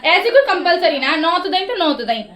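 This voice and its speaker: A woman's voice: extremely high pitch, big pitch swings, moderate pace, fairly bright tone. A woman vlogging casually at home and at a village temple feast, chatting straight to her viewers. She talks in a rural dialect and drops English words in here and there.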